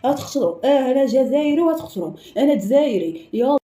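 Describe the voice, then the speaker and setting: A woman's voice: high-pitched, expressive, racing, warm tone, reverberant. A woman voicing a spiteful young Algerian man, jeering in a sing-song way. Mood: taunting.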